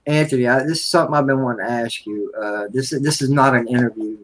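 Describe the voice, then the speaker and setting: A man hosts an easygoing conversation. His voice sits at an ordinary mid pitch. He asks his questions haltingly, restarting them and filling the gaps with "uh" and "you know.". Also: slight background noise, low-quality recording. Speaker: host. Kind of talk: casual chat.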